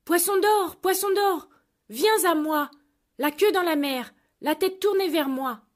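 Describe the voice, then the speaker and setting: A woman's voice: sits high, normal speed, pitched above the performer's own voice, close to an everyday voice. A woman voicing a poor, meek old fisherman who obeys his wife. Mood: calling out.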